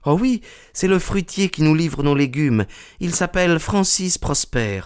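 A man's voice: fairly high pitch, animated, measured pace, clear, resonant tone, no room sound, clean studio sound. A man voicing an earnest, polite young woman in an audiobook reading. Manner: polite, sincere.

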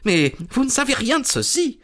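A man's voice: very high-pitched, sing-song, normal speed, fairly bright tone, pitched above the performer's own voice, full character voice. A man voicing a small, weaselly man who whines with a trembling voice. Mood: anxious. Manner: whining, trembling.

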